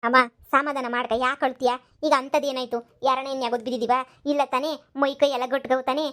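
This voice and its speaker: A woman plays a sharp-tongued young village wife in a cartoon comedy, nagging. She talks fast, high and on a narrow, level tune. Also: flat delivery. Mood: soothing. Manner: scolding, rapid and nagging.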